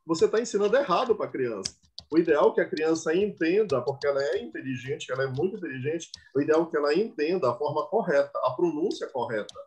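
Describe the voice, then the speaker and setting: A man's voice: fairly high pitch, animated, fast, darkish tone, a little hiss or hum. Brazilian male teacher, online class, repetitive, checks in with students often. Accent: Brazilian Portuguese.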